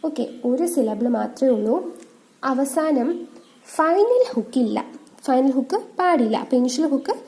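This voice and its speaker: A woman with a high voice and dark tone gives an explanatory shorthand lesson. She reads the rules slowly and asks questions that she answers herself.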